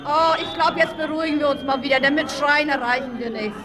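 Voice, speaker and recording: A high-voiced woman addresses a crowd on an open-air square through a handheld microphone. She pleads and insists, calling for calm over the heckling. A noisy crowd presses in around her. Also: a little fast. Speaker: speaker at a public forum. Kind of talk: impassioned public address to a crowd. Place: outdoor public square.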